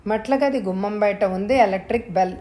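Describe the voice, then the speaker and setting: A woman's voice: medium pitch, brisk, mellow. Woman narrating a suspense story. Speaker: audio story reader.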